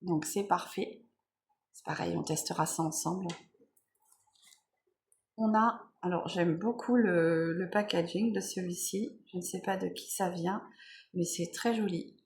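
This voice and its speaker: A woman with a fairly low voice talks casually through a makeup unboxing. She sounds relaxed and chatty, often pausing on fillers and correcting herself. There is a faint hiss behind her. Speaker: beauty vlogger. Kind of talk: casual product unboxing chat.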